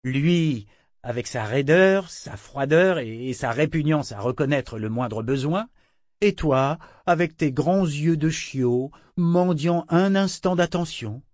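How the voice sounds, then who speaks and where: Pregnant woman, teasing and firm, read by a male narrator, lifted pitch, dry close read. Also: animated, slow pace, darkish tone, dry recording. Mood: chiding. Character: pregnant woman, warm but teasing, sharp-tongued.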